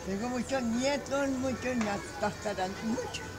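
A woman in her nineties with an Antioquia Colombian accent, answering casual interview questions haltingly and repeating her phrases. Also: fairly high pitch, over music. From Remedios, Antioquia, Colombia. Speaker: interviewee, great-great-grandmother. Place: outdoors on a dirt path in a hillside neighborhood. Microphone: handheld camera a few steps away.

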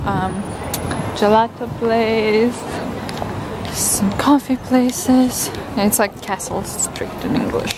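A young woman vlogging casually while she shops and walks through a city, excitedly gushing over what she finds, recorded on a handheld camera. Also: a little high, takes it slowly, noisy background. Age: young adult. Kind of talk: casual vlog narration. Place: shops and streets of a city, indoors and out. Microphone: handheld camera mic.

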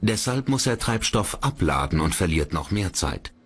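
A man narrating a documentary in a measured, dramatic way. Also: sits low, very animated, a bit bright, husky.

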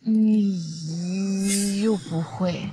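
A woman's voice: medium pitch, fairly even intonation, drawn-out words, dark tone, a little hiss or hum. An actress in her twenties playing a bashful but teasing young newlywed wife in a romantic comedy drama. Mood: coy. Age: 20s.

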